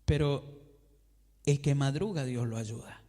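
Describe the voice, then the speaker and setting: A man's voice: mid-range voice, measured pace, warm tone. A man preaching a sermon in a church, who asks his congregation questions and answers them himself and acts out conversations between a believer and God. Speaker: pastor. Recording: long reverb of a church hall.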